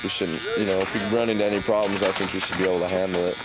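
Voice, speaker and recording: A man's voice: low voice, level tone, very fast, rough recording. A man in a casual interview, easygoing and rambling as he thinks aloud. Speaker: band member.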